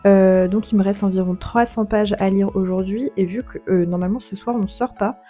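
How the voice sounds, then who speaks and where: A young woman chatting casually to camera on her book vlog, filling her talk with fillers and quick self-corrections. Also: medium pitch, steady tone, warm tone, faint music behind. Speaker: book vlogger. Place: holiday home on vacation.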